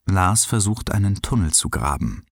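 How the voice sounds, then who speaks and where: A man reading a children's story aloud in an expressive, unhurried way. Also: breathy edge, no room sound. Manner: expressive, unhurried, lively pitch.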